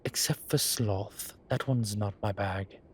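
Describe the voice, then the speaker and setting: In a scripted audio roleplay with ambient sound effects, a man plays a vain, suave incubus demon posing as a posh professor, using a wry, self-satisfied drawl. His voice is on the low side, slow and teasing, with slight background noise.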